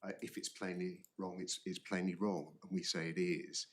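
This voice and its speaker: A man arguing an appeal as a barrister, formally, halting and often repeating words. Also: low-pitched, level tone. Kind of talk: formal courtroom legal argument.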